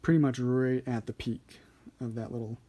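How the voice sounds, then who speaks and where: Male tutorial host, soft-edged mellow tone, mid-range pitch, informal and thinking aloud. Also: steady tone, moderate pace. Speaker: card trick instructor. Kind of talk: casual hands-on tutorial.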